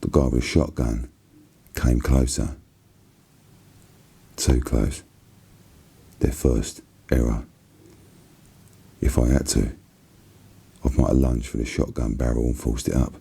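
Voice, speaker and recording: A man with a Cockney accent reads a novel aloud in a soft, hushed ASMR style, husky and unhurried. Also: a bass voice. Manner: hushed, unhurried, even narration.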